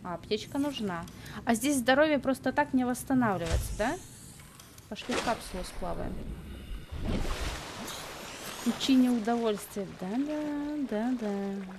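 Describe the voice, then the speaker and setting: A woman's voice: on the high side, moderate pace, background noise. A young adult woman giving casual, playful live gaming commentary, half talking to herself and repeating words. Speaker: game streamer. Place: indoor room at a computer.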